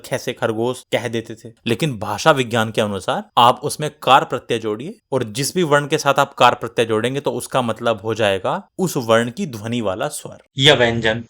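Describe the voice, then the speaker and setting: A man teaching a Hindi grammar lesson for exam students, explaining step by step and speaking directly to the class over a close voice-over mic. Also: mid-range voice.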